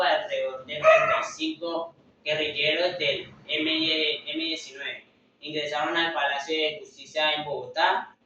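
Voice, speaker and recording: A man's voice: on the high side, bright, forceful tone, slight background noise. A young man giving a class presentation, hesitant and filler-heavy, often restarting his words. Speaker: student presenter. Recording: echoey room, far from mic, dull lo-fi.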